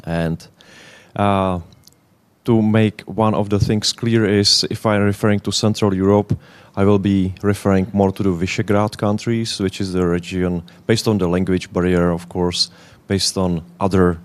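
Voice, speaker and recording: A man in his thirties from the Czech Republic with a Czech accent, giving a conference presentation in halting English, often searching for words. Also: low-pitched, flat delivery. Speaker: conference speaker.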